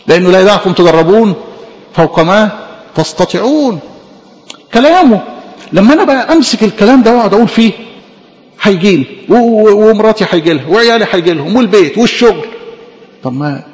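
A fast-talking Egyptian man delivers a fervent sermon, his fairly high voice climbing into emphatic bursts. He calls the congregation his dear ones. A long reverb rings around him in a church hall. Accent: Egyptian Arabic. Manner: fervent, rising to emphatic outbursts; addresses listeners as dear ones. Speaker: preacher.

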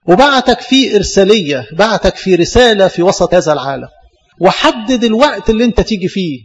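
A priest with an Egyptian Arabic accent delivers a fervent sermon, firing rhetorical questions at his congregation. His voice sits high and his words come quickly. The sound is dull and lo-fi, washed in the long reverb of a church hall.

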